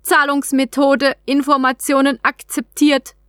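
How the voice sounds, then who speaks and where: A prim robotic alien trading capsule, put on by a woman storyteller, reciting its notices in clipped, formal phrases. The voice sits fairly high and sounds dry and close. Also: level tone, measured pace, fairly bright tone, no room sound. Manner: clipped, formal machine announcements.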